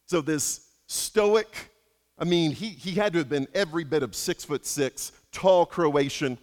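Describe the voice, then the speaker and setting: A male pastor preaching a sermon in a high voice, telling his story earnestly with frequent restarts and repeated words. His voice carries a long reverb through a large church sanctuary. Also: unhurried, a little mellow.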